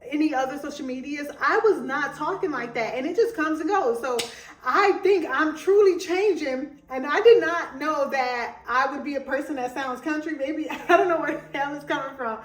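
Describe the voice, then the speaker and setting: This young woman podcaster delivers an easygoing motivational monologue, stressing her points, wandering into asides, and letting a country twang slip in now and then. Her high voice keeps a moderate pace, picked up far from the mic in an echoey room with a little hiss or hum.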